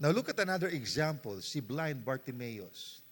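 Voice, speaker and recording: A man with a Filipino accent, preaching a sermon as pastor with passion and mixing Tagalog and English, moving from hushed passages to shouting. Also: mid-range voice, big pitch swings, normal speed. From Philippines. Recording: long reverb of a church hall.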